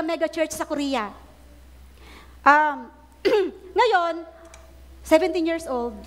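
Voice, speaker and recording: A woman preacher, telling a story in her sermon with animated delivery and English phrases mixed in. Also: very high-pitched. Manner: animated storytelling, acting out quoted prayers; mixes Tagalog with English phrases.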